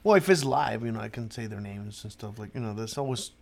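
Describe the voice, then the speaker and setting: A podcast co-host talks loosely and casually in a brisk, low, creaky voice with a darkish tone. He rambles with many restarts and fillers and swears freely.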